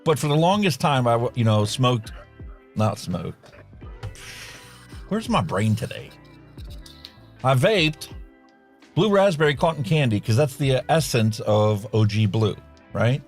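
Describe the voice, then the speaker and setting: A man hosting a casual talk show, relaxed and chatty, explaining equipment and mixing in detail. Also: mid-range voice, normal speed, soft background music. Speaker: host. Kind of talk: casual chat.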